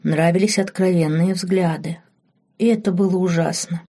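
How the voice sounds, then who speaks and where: A woman narrating a romance novel audiobook in a measured, softly expressive way. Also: fairly low pitch.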